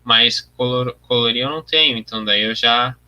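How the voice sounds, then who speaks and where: Through a muffled recording, a young man with a bright, forceful, medium-pitched voice talks at a moderate pace. He's casually livestreaming as he colors his artwork, explaining his process and answering comments.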